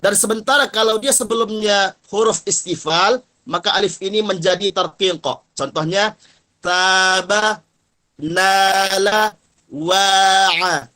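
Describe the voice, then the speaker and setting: A man with an Indonesian accent teaching tajwid, slowly chanting example words and contrasting right and wrong readings. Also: high-pitched, bright, forceful tone. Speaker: Quran recitation teacher. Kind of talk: tajwid lesson with recited examples.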